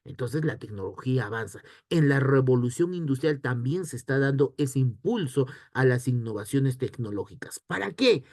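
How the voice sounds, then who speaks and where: A man teaching an online history lesson, asking himself questions and answering them in a lively way. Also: mid-range voice, moderate pace, few pauses, no room sound, studio quality. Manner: lively, rhetorical questions to students.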